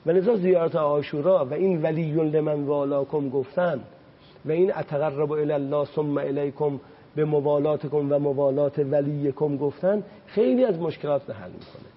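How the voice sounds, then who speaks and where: A man preaches as a religious guest on a talk show with a husky, somewhat high voice. He climbs sharply when he drives a point home and slows right down to recite Arabic lines. The sound is dull and muffled, like an old broadcast. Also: fairly even intonation. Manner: impassioned, rises sharply on points; recites Arabic quotations slowly.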